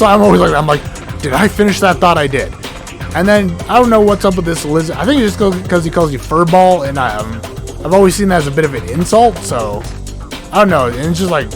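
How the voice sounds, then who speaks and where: A young man rambles through casual gameplay commentary, chatty and self-deprecating. His voice sits slightly high. Game music plays clearly beneath him. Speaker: let's play gamer.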